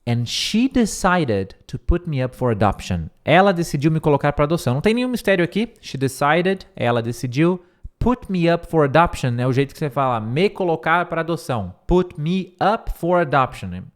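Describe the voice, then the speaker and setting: Man teaching English, drilling words slowly. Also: fairly high pitch, very animated. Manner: switches between slow, careful English phrases and quick explanations; repeats words many times to drill pronunciation. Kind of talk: English lesson explaining a speech line by line.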